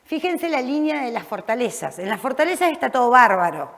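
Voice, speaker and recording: Woman, classroom lecture, lively delivery, echoing hall sound. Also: high voice, fairly quick, vocal fry. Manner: lively, frequent "¿sí?" checks, restarts. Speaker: teacher trainer. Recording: reverberant classroom.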